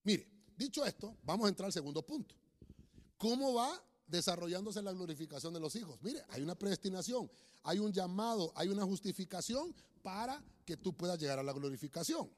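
A male pastor preaching a sermon in a church, with sudden loud emphasis and slow, drawn-out phrases. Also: high-pitched, very animated. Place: church, streamed online. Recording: echoey church hall.

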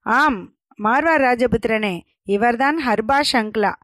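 A woman's voice: a little high, a little slow, fairly bright tone, no echo. A woman reading a wry mountain queen. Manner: dry, wry.

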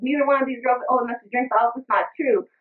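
A woman's voice: fairly high pitch, rapid-fire. Chatty woman reviewing music, tinny and distant. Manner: chatty, animated, bursts into sung snippets. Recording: tinny phone-like sound, distant mic.

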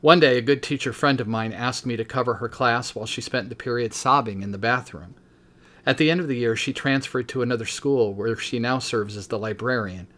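Reading his own book aloud on his podcast, a man in his fifties who works as a teacher keeps a steady pace, pausing occasionally for short asides. He speaks a little fast, at medium pitch.

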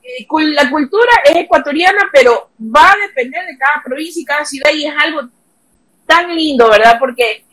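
High-voiced Ecuadorian woman in her forties. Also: moderate pace, rough recording. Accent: Ecuadorian Spanish. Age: 40s. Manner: lively storyteller, quoting herself in long anecdotes. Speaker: guest, human rights activist. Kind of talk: casual chat.

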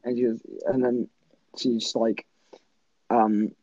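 A man's voice: mid-range voice, normal speed, mellow, highs cut off. A young man co-hosting a casual podcast, telling a school story with lots of restarts and fillers. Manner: rambling storytelling with many restarts. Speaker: podcast co-host. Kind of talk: casual chat.

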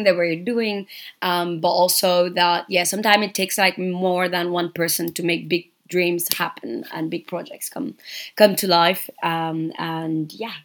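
A young woman from Senegal, a guest artist in an interview, speaking thoughtfully with frequent pauses and fillers. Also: on the low side, a bit bright. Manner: thoughtful, many fillers and restarts. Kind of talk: casual interview.

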